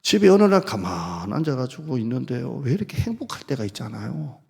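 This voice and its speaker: A man's voice: mid-range voice, very animated, brisk, vocal fry, a little mellow, slightly rough. A male pastor preaching a sermon, leading his congregation through Scripture readings and call-and-response, and telling stories in a humorous, conversational way. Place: church sanctuary. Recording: reverberant church hall.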